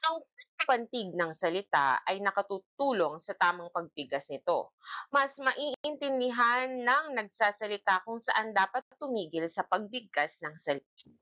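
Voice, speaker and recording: Bright, lively-voiced woman teaching children. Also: medium pitch, highs cut off. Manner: slow, clear syllable-by-syllable drilling, asks questions. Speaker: grade one teacher. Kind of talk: children's reading lesson.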